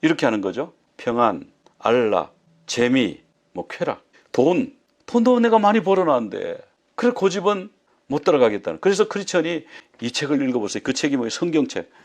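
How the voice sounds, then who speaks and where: A man's voice: mid-range voice, sing-song, a little fast. A male pastor preaching a sermon, telling a story and acting out the voices of the people in it.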